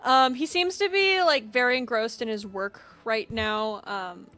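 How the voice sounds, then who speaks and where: A woman narrating a tabletop game as its game master, chatty and loose, her speech full of fillers. Her voice sits on the higher side. Soft music plays beneath her. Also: a little slow. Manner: chatty, with many fillers and laughs.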